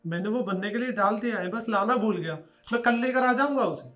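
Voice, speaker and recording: A man's voice: high voice, brisk, a bit bright, faint music behind. A man playing a defensive young husband. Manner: defensive, pleading. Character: young working husband, short-tempered then apologetic. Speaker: son and husband. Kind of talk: short family drama acting.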